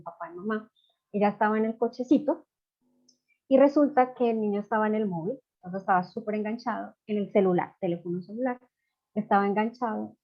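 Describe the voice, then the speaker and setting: Woman giving a chatty parenting talk, dull audio. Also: mid-range voice. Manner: conversational, loose phrasing with many fillers. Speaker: parenting educator. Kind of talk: informal online masterclass talk.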